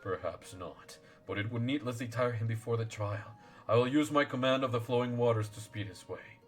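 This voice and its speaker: A man's voice: medium pitch, fairly quick, faint music behind, close to an everyday voice. A man voicing a wise, courtly old turtle guardian in a fantasy game, with grave, archaic formal speech.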